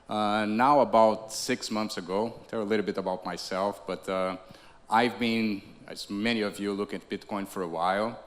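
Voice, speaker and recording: A Brazilian-accented man in his forties speaks on a theater stage in a lowish voice, and a long hall reverb trails behind every phrase. He keeps it conversational, restarting sentences and laughing lightly as he goes. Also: fairly bright tone. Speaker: conference speaker. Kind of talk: conference talk.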